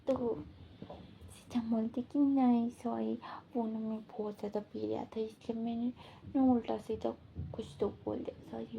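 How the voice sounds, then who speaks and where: A woman casually retelling a romance story in a loose, chatty way, at times dropping to a whisper for tender lines. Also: fairly high pitch. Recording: slightly dull audio with faint hiss.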